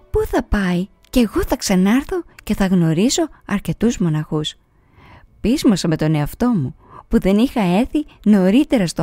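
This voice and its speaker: Woman reading a story, very expressive. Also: mid-range voice, dry recording, studio quality. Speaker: audiobook reader. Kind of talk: storybook narration.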